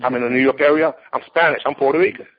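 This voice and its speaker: A late-forties man who competes in and teaches martial arts tells his story in an interview, speaking bluntly and emphatically at a very fast pace. His voice is mid-range, and the recording is dull and lo-fi.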